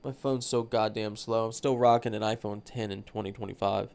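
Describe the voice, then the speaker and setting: A man's voice: on the low side, fairly even intonation, brisk, creaky, darkish tone, smooth. Stuffy-nosed man rambling casually. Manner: rambling, profane, laid-back. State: stuffy nose. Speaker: podcast host. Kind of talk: solo casual chat.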